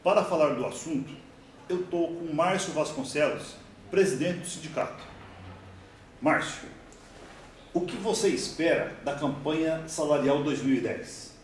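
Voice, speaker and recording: A man's voice: fairly high pitch, measured pace. A Brazilian man interviewing a union president, asking plain, direct questions. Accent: Brazilian Portuguese. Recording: echoey room, distant mic, faint noise.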